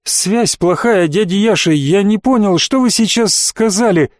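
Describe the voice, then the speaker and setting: A rattled young flight cadet, voiced high and strained, who is tipping into frantic, hysterical cries, played by a male reader. The sound is dry and close, with the voice pushed well above the reader's own. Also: unhurried, dry recording. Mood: anxious. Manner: tense, bursting into hysterical outcries.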